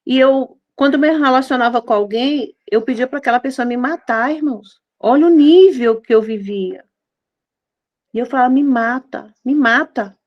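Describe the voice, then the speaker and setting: High-voiced woman in her fifties preaching. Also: normal speed, lo-fi sound. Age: 50s. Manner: tender, intimate, pleading. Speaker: devotional preacher. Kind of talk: devotional sermon.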